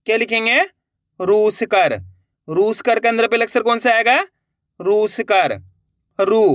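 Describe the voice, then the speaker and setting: High-voiced man teaching spelling slowly. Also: fairly bright tone, dry recording, clean studio sound. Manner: repeats each word, asks and answers his own questions. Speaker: Hindi writing teacher. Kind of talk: slow step-by-step spelling lesson.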